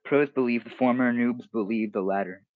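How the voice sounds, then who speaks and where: A man's voice: medium pitch, moderate pace, dry recording, phone-quality sound. Young man rambling through a mocking livestream. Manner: rambling, mocking, restarts mid-sentence. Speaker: streamer. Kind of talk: casual livestream commentary reading comments.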